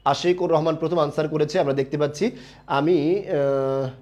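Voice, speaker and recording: A man's voice: a little high, steady tone, normal speed, a little mellow, lo-fi sound. A young man teaching a live online class. He asks questions and answers them himself, and reads viewer comments aloud.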